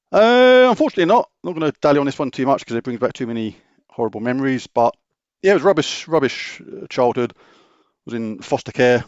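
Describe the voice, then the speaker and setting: In a casual Q&A, a middle-aged gaming channel host with a British English accent responds to viewers openly and matter-of-factly, often rambling and starting over. His medium-pitched voice comes through a dry, lo-fi recording.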